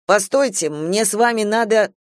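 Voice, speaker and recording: Flustered lovesick guy in a dress as a lady narrator puts him on, hoarse and pleading, dry sound. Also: mid-range voice, moderate pace, no echo, close to an everyday voice. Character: lovesick young man dressed as a woman, flustered.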